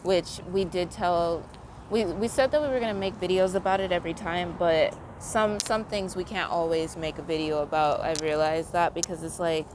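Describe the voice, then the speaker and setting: A woman with a fairly low voice rambles through a casual, tired monologue, circling back on herself and leaning on "like" at every turn. Steady background noise with passing vehicles runs under her voice. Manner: meandering, heavy use of "like" fillers. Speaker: vlogger.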